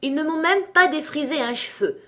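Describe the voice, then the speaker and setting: A woman's voice: sits high, moderate pace, bright, forceful tone, voice pushed up. A woman voicing a boastful, cunning little male tailor in a read-aloud fairy tale, cocky and swaggering.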